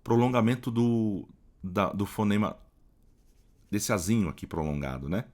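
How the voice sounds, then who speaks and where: A man teaches English phonetics in Portuguese, explaining patiently, slowly repeating example words and often checking in with the listener. His voice is fairly low and darkish, with lively intonation.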